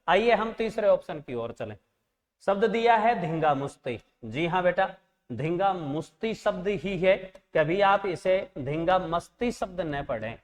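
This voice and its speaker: A man teaching an exam-prep language lesson, patiently correcting pronunciation and spelling word by word. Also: high-pitched. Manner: patient, corrects pronunciation, calls students "beta" and "friends". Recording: long reverb.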